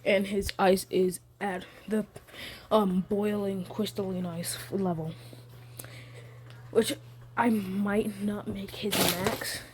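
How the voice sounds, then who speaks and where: A woman's voice: medium pitch, steady tone, takes it slowly, darkish tone. A woman casually telling a made-up fan story, giggling often and rambling with fillers.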